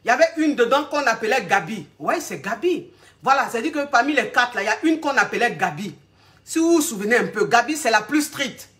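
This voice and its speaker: A woman coaching her viewers on relationships in a loose, chatty live talk. Her voice is bright and forceful. She rambles, stalls and searches aloud for the words she wants, speaking to her audience as if they were friends. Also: on the high side, expressive, brisk. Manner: addresses the audience directly and familiarly.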